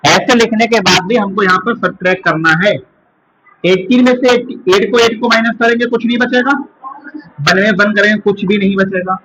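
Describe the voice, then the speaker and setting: Male math teacher from India, high voice, drills terms by repeating them, noisy recording. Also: sharp tone. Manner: asks questions and answers them himself, repeats key terms slowly. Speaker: school teacher. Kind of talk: classroom math lesson.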